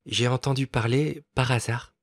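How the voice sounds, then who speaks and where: A man voicing a kind young lady in a storybook reading, speaking softly and coaxingly. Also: medium pitch, steady tone, moderate pace, no room sound, studio quality, pitched above the performer's own voice, close to an everyday voice. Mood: tactful. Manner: soft, coaxing, tactful.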